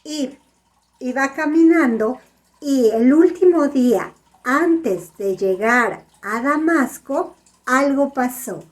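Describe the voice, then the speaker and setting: A woman telling a Bible story to children, gently asking them questions as she goes. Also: high-pitched, expressive, takes it slowly. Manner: gentle, asks the kids "¿sabes?".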